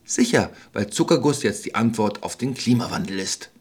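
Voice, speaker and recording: A man's voice: on the low side, normal speed, breathy edge. Hänsel, man doing a sarcastic boy. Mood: skeptical. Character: skeptical young boy Hänsel.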